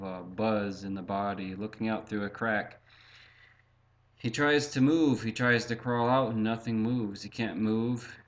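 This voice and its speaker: A man recounting his own past in a halting, reflective way, full of fillers and restarts, often speaking of himself in the third person. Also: lowish voice. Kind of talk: personal storytelling.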